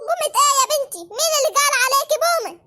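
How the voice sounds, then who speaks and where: A voice actor playing a bickering old village mother-in-law, shrill and scolding in a cartoon. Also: rapid-fire. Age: older. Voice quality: squeaky, shrill. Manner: scolding, dramatic wailing. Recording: loud background noise.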